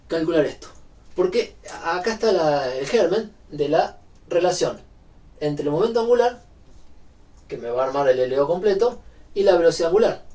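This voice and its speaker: A man's voice: a little high, warm tone, far from the mic. A man with a Rioplatense Spanish accent giving a university physics lecture, explaining step by step with frequent fillers.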